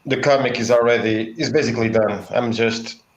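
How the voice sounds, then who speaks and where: A man's voice: medium pitch, steady tone, reverberant, low-quality recording. A comic artist talking casually while he draws, hesitant and full of fillers. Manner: slow, hesitant, many fillers. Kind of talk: casual chat while drawing.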